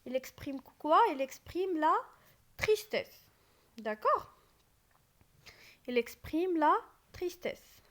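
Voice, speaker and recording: Slow high-voiced woman teaching grammar. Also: animated, a bit bright. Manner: repeats key phrases, asks rhetorical questions. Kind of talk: slow classroom explanation.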